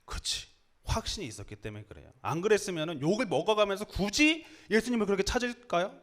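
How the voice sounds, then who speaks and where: A man preaching a sermon, animated, who keeps asking his listeners rhetorical questions. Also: high-pitched, fast talker.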